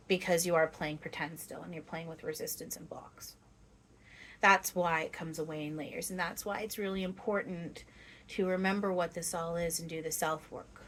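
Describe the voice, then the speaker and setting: A woman speaking as a seance medium, voicing a gentle, playful, loving spirit guide who teaches in halting phrases with long pauses. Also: lowish voice. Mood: earnest, emphatic. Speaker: trance channeler. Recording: clear steady background noise.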